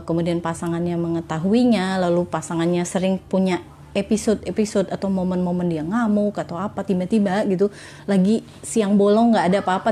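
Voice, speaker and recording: A woman's voice: mid-range voice, warm tone, a little hiss or hum. A woman hosting a live Q&A on marriage, talking frankly and casually. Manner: frank, conversational, casual slang. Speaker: host.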